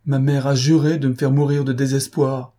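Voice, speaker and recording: A man's voice: mid-range voice, little pitch movement, normal speed, dark tone, voice pushed up, natural voice. A man voicing a tearful, indignant young girl. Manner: vehement, plaintive.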